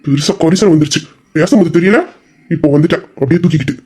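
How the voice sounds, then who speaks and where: In a Tamil audio drama, a man plays a hot-tempered young husband whose every reply is mocking and bitter, sarcastic and angry. His voice is a little high, a little mellow and slightly rough, and he speaks very fast.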